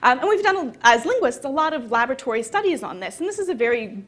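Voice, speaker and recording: A young woman gives a lively conference talk, her voice pitched high. She speaks in a relaxed, conversational way, with plenty of filler words as she explains her ideas. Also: quick pace. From American South. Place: conference hall.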